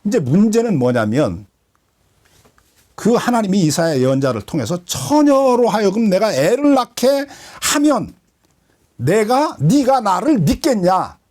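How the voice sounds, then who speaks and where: A man's voice: high voice, very animated, measured pace, darkish tone. A man, a pastor, giving a conversational Bible study lecture, checking often that listeners follow and mixing in slangy, joking asides. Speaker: pastor teaching a Bible class.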